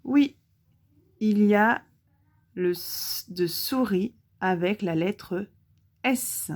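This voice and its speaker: A woman teaching a lesson for young children with a French accent, speaking clearly and pausing to let the child answer. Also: medium pitch, darkish tone. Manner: slow, clearly articulated, pauses for the child to answer. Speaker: primary school teacher.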